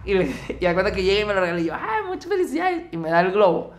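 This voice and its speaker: A man's voice: sits high, fairly even intonation, very fast. A young man with a Mexican Spanish accent, co-hosting a podcast and telling a story in casual, slangy chat, acting out the quotes. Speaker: podcast co-host.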